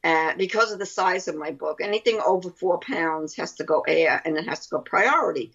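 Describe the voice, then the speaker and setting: A woman's voice: lowish voice, animated, fairly quick, a bit bright, breathy edge. A woman with a Brooklyn accent chatting casually as an interview guest, rambling and often repeating her phrases. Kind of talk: casual chat. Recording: dull lo-fi line.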